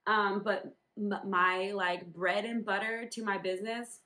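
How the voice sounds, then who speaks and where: A woman's voice: medium pitch, flat delivery, unhurried, pushed and bright. A woman from Northern New England chatting casually about her home embroidery business, rambling with many ums and likes. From Northern New England, USA. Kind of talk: casual vlog chat.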